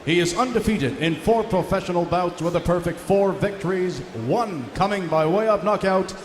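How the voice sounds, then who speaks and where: A man's voice: sits high, normal speed. Echoey boxing ring announcer, a man. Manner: bilingual, switching between French and English. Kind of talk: formal ring announcing with drawn-out names. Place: large indoor boxing arena, over the PA. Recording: echoey arena sound with faint noise.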